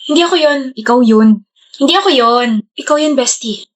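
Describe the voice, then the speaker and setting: A woman performing scripted comedy-skit dialogue in a playful, excitable way, with sudden shouts. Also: high voice, fairly quick.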